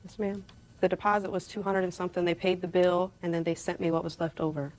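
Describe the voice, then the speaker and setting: A woman's voice: lowish voice, flat delivery, fast. A woman plaintiff answering a judge in a TV court.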